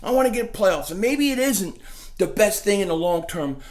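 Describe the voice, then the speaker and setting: A man in the middle of a casual sports rant, hosting his own fan vlog. He trash-talks with excitable energy, jumping from loud outbursts to low asides and repeating his lines for effect. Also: normal speed. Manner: animated trash-talking, repeats his punchlines.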